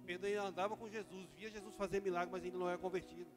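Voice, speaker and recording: Brazilian male pastor, impassioned sermon, high voice, echoing hall with soft music underneath. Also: steady tone, very fast. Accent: Brazilian Portuguese. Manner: impassioned preaching, swings from loud to quiet. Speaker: vice-pastor.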